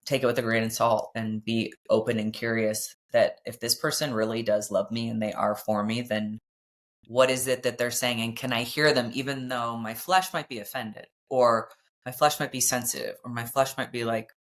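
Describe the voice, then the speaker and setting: A woman's voice: very deep voice, steady tone, normal speed. A woman hosting a podcast, talking candidly and reflectively with her husband, often speaking to women listeners. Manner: chatty with many fillers. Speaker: podcast host.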